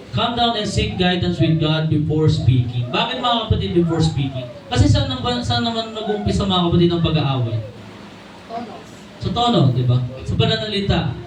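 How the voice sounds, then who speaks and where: High-voiced Filipino preacher in an echoey hall. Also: male voice, slight background noise. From Philippines. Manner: slows down for key English phrases. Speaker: church preacher. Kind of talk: sermon mixing Tagalog and English. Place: church hall. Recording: echoey room from a distant mic.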